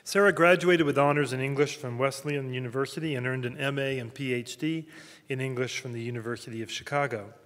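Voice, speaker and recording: A man with a Southern American accent giving a formal introduction at a campus lecture, halting often with fillers and restarts. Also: medium pitch, fairly even intonation, a bit bright. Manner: hesitant, many fillers and restarts. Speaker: host introducing a speaker. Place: university lecture room. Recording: reverberant lecture hall.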